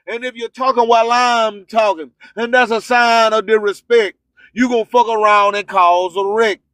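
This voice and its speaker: A radio host, a man with a very high, slightly bright voice and no room sound, delivers an emphatic, preachy motivational monologue. It's packed with streetwise slang and rhyming slogans he keeps repeating.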